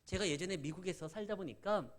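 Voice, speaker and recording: A man's voice: high-pitched, brisk. A middle-aged Korean pastor with a Chungcheong accent, preaching a sermon and acting out quoted dialogue as he tells stories.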